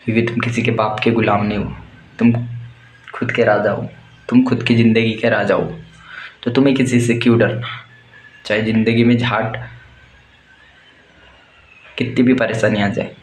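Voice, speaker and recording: A man's voice: on the low side, flat delivery, moderate pace, long pauses. A young man gives blunt, crude, fired-up life advice in a casual motivational monologue. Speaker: warehouse worker giving life advice. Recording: roomy echo, faint background noise.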